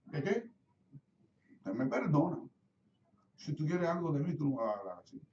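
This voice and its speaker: A middle-aged Puerto Rican pastor preaches to his congregation in a lively storytelling manner. His voice is dark and mellow, set somewhat high, and it rings through a roomy church from a mic far away. The sound is a little dull. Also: moderate pace. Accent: Puerto Rican Spanish. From Puerto Rico. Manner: storytelling, acts out his own prayers, asks the congregation questions. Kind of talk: sermon. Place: church sanctuary.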